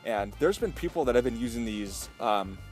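With faint music behind him, a young vlogger chats excitedly to camera while out of breath, using lots of fillers; his medium-pitched voice is lively, slightly mellow and at normal speed. He records in an echoey basement and by a stream outdoors, using a headphone mic into a GoPro and a handheld clip-on lavalier.

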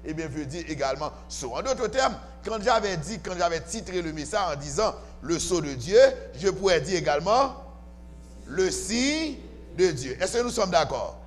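A pastor with a high, animated voice preaches a sermon at normal speed, speaking emphatically and often posing questions to his congregation. He uses a handheld mic in a church, filmed from a distant camera, with slight hiss or hum, hall reverb and faint music behind him.

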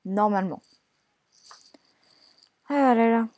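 A woman's voice: fairly high pitch, takes it slowly, darkish tone, no room sound. A young woman hosting a let's play, chatting casually and teasing the characters she plays, with frequent hesitations. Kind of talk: casual gameplay commentary.

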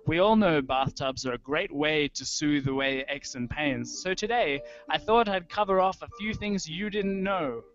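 A young man, a writer reading his own experimental audio fiction, delivers a measured, deliberate literary reading over a prominent musical soundscape, his voice fairly high and a bit bright. He speaks close to a handheld-style microphone on a video call in an indoor room with a wooden ceiling. The online stream sounds dull and lo-fi.

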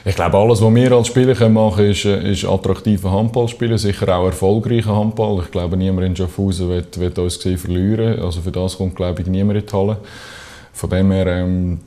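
A young Swiss man, a handball player, answering in a studio interview with measured, hesitant phrasing. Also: sits low, fairly even intonation, mellow. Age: young adult. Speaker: professional handball player, team captain. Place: small TV studio.

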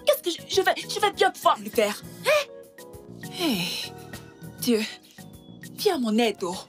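A middle-aged woman dubbing a stern village mother who scolds her daughter and shouts in exasperation, in a French film dub. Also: sits high, wildly swooping pitch, takes it slowly, faint music behind, exaggerated voice. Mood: scolding. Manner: scolding, loud outbursts. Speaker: dubbing actor.

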